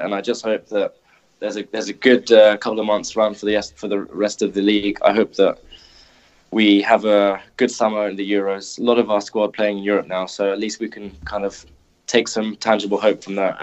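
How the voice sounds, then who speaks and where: A man's voice: fairly low pitch, rough recording. A male podcast co-host speaking bluntly and casually, with the occasional swear word.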